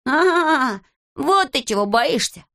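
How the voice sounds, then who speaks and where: A stubborn, boastful little gnome boy from a storybook reading, as a woman puts him on, pitched well above her usual voice. He speaks in a high, excitable way that turns quickly defensive. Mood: gleeful. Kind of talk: audiobook character voice.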